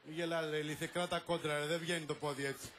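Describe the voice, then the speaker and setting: A man's voice: a little high, level tone, a bit bright, slight background noise, lightly acted. An actor playing a bumbling lovesick man who mutters clumsy asides and scolds his helper, in an old film comedy. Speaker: comic lead in a film. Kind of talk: 1960s Greek film comedy acting.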